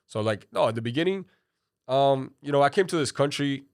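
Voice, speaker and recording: A man's voice: medium pitch, animated, brisk, no echo, studio quality. A man in his thirties, born in Cuba with Spanish as his first language, talking casually as a podcast guest and rambling with many fillers. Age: 30s. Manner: rambling, lots of "you know" and "like". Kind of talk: casual interview talk.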